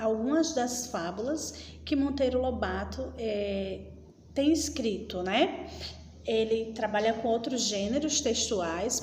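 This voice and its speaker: A woman's voice: a little high, a little mellow. A woman, a schoolteacher giving a recorded lesson to children, explaining patiently and checking in with questions. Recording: roomy echo with long reverb and faint noise.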